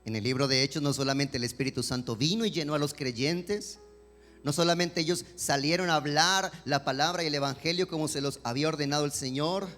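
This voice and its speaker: A man preaching a sermon as a pastor, swinging between emphatic questions and softer pleading. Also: on the high side, brisk. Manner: preaching with rising emphatic questions and dramatic quoted voices. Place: church sanctuary. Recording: long church hall reverb with music behind.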